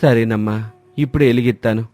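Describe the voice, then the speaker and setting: Storybook role: gentle old countryman, soothing and reassuring, warm dark tone, a man doing him. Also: mid-range voice, fairly even intonation, a little fast, lightly acted. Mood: calm.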